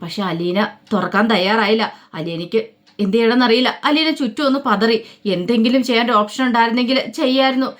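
A woman acting as storyteller narrates a family drama in a relaxed, casual manner. Her voice is fairly high and her pace fairly quick, and she voices each character's lines without changing much, keeping it informal and conversational.

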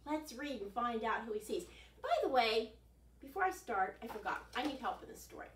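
In a carpeted living room at home, a woman in her sixties runs an interactive children's storytime like a library host, inviting listeners to join in. Her voice is on the high side, expressive and a little fast. A distant camera mic a few metres away gives a roomy sound with slight background noise.

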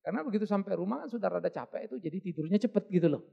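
A man's voice: high-pitched, animated, racing, creaky, breathy edge, highs cut off. A male pastor, preaching a sermon at a church service with playful wordplay and rhetorical questions.

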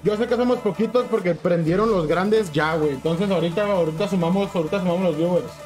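A young man with a Mexican Spanish accent streams a game over music, his voice high-pitched and quick. He chats casually with viewers in a hyped, slangy way and keeps urging chat on.

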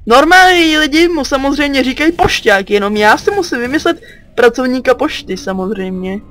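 Jumpy high-voiced Czech teen gamer. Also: male voice, expressive, a bit bright. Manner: jumpy, yelps and curses at enemies. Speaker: gaming channel host. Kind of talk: let's play commentary.

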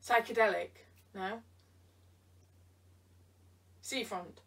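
Very slow and creaky, a tired vlogger with a medium-pitched, fairly bright voice teases someone off camera in a playful bedroom try-on video. A camera across the room records her, so she sounds far off.

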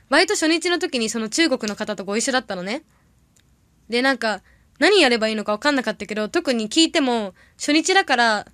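A young woman chatting casually on a livestream, reading viewer comments aloud and telling rambling stories with quick reactions. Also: a little high, a bit bright, dry recording. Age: young adult. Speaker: idol audition candidate livestreaming.

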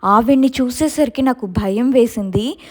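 A woman narrates a first-person ghost experience in an earnest, recounting manner. Her voice sits a little high. She tells the story straight through in an even, steady way. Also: normal speed.

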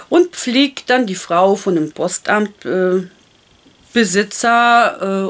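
A woman casually retelling a romance novel and reading passages aloud, chatty and full of fillers and self-corrections. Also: on the high side. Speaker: book reader and channel host.

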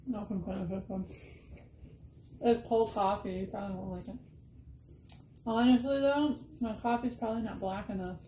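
A woman's voice: medium pitch, steady tone, moderate pace, long pauses, warm tone. A woman vlogger chatting candidly through a casual snack taste test at home. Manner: chatty, candid running commentary. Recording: echoey room with background noise.

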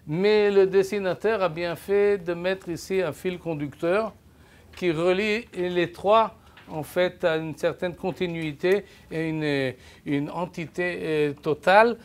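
Picked up by a distant camera with no mic, an older native French speaker teaches a Bible class live in a lecture room with a projector screen. He projects his voice, hesitant and halting, often restarting and repeating words. His voice is on the high side.

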